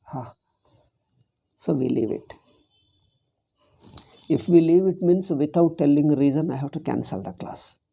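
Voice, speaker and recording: A man with a South Indian accent teaches in an informal spiritual lecture. His voice is very dark and muted, with a creaky grain. He makes his points emphatically, repeating phrases and posing rhetorical questions. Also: on the high side, measured pace, long pauses, lo-fi sound. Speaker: Vedanta teacher.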